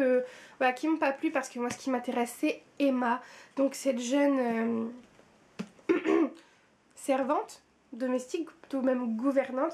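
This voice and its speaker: This book vlogger's voice sits high and a little mellow, carrying a French accent. Chatting loosely about her monthly reading, she fills her speech with fillers and emphatic repetition.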